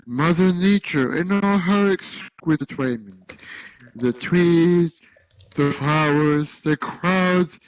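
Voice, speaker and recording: A man voices a fat, weepy, saccharine foreign traveller in a thick, slightly guttural tone, speaking slowly and sugarily, full of pious self-pity. The voice is mid-range and animated, but the audio quality is poor.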